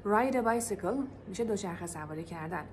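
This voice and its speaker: A woman English teacher in a casual video lesson. She rattles off explanations quickly, then slows right down to repeat each example phrase for pronunciation practice. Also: mid-range voice, slight background noise.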